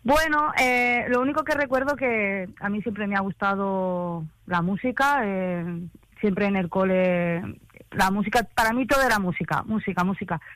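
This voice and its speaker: A woman's voice: mid-range voice, normal speed, fairly bright tone, no echo. A woman, a singer, talking in a radio interview, hesitating and restarting her sentences. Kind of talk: casual interview chat.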